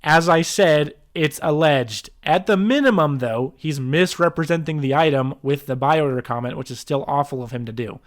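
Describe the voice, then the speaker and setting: A man's voice: on the high side, moderate pace, hardly any pauses. A man reacting to a video about himself, rebutting it point by point in a defensive, exasperated way and often restarting his sentences. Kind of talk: reaction commentary.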